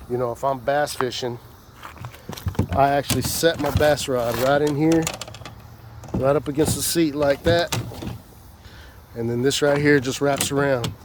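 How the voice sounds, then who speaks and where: Against a noisy background, a fishing vlogger strolls through his fishing equipment outdoors. His medium-pitched voice is stuffy from a sinus infection, and his delivery is casual, rambling and folksy, full of fillers.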